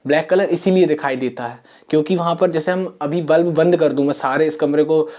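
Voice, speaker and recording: A man, teaching a science lesson in a soft voice from a small room, explaining step by step with many fillers and repeats. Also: fairly high pitch, fairly even intonation, fairly quick. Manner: soft-spoken. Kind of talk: classroom lesson. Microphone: camera mic.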